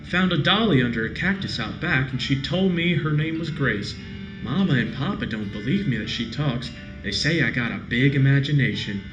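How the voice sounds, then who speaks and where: A man's voice: medium pitch, expressive, moderate pace, echoey room, dull audio, music in the background, lightly acted. A man reading a game diary as a frightened young frontier girl, with plain, folksy, childlike phrasing. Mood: earnest, innocent. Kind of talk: game diary read aloud.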